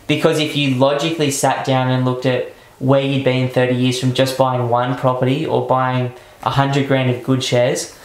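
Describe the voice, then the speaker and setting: A man's voice: medium pitch, level tone, moderate pace, hardly any pauses. Blunt man in a roomy echo. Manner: blunt, swears casually. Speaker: podcast host. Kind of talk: casual podcast chat.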